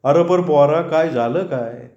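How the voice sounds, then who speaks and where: A man's voice: fairly high pitch, measured pace, darkish tone, lo-fi sound, voice pushed up. A fretful old village father from a storybook, acted by a man in a raised voice, coaxing and worried. His pleading lines echo in a roomy space. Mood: anxious. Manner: anxious, coaxing.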